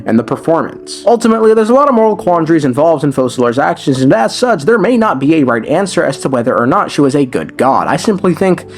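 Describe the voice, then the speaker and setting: A man's voice: fairly high pitch, big pitch swings, fast, few pauses, soft background music. A man giving casual commentary on game lore, speaking in a conversational way with slangy asides. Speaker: lore video creator.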